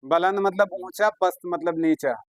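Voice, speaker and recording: A man's voice: sits high, moderate pace, dry recording. A man teaching an Urdu vocabulary class, chatty and coaxing, often praising his students. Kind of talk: classroom lesson.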